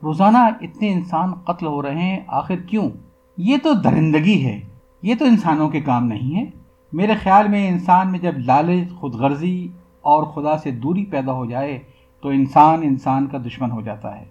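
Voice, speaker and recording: A man reading aloud a recorded interview for a podcast, with the questions pitched higher than the answers. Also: a little mellow, muffled recording. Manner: reads the questions at a raised pitch. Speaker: podcast reader.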